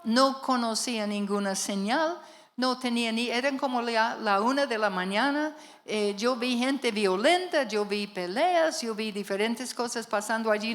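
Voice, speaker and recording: A woman pastor telling a story in a sermon to a church congregation, with animated delivery and emphatic calls to her listeners. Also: fairly high pitch.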